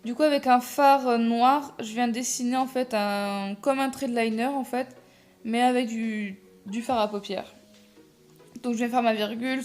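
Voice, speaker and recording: A young woman narrates her makeup tutorial in a casual, rambling way, laughing at herself and stumbling over her words. Her voice sits a little high. Soft music runs quietly underneath. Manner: chatty, self-deprecating, many fillers and restarts. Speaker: makeup vlogger.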